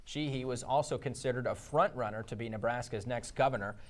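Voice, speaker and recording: A man's voice: medium pitch, a little fast. American man anchoring the news. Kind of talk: scripted news reading.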